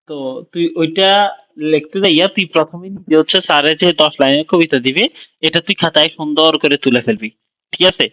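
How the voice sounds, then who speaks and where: A man's voice: fairly high pitch, fairly bright tone, no room sound, poor audio. A young man casually tutoring a friend, sounding out syllables and often checking that he follows. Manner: informal, repeats and sounds out syllables slowly, keeps checking understanding. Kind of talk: casual one-on-one explanation.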